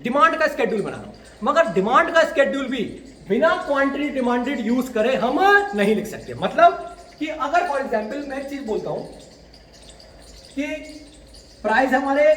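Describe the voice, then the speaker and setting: A man's voice: very high-pitched, fairly bright tone, roomy sound, a little hiss or hum. A man teaching economics, explaining step by step and answering his own questions, mixing in English terms. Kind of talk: classroom lecture.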